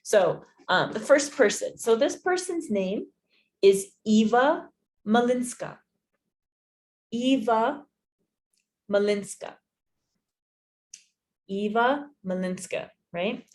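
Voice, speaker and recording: A woman's voice: a little high, lively intonation, a little mellow, a little hiss or hum. A young woman teaching a beginner English lesson online, patient and repetitive, often checking with "right?". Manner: slow, patient, repeats phrases and checks with "right?". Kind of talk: distance-learning lesson.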